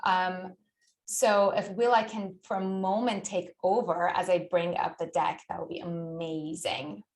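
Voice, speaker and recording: A woman's voice: lowish voice, fairly even intonation, measured pace. Eager woman from Iran presenting a webinar. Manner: enthusiastic, explanatory, with many restarts. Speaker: guest speaker, author.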